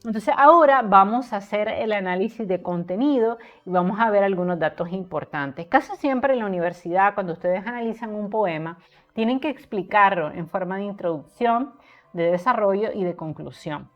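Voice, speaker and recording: A woman's voice: mid-range voice, expressive, moderate pace, muffled recording, soft background music. A woman literature tutor giving an online poetry lesson, explaining step by step and counting syllables aloud to her students.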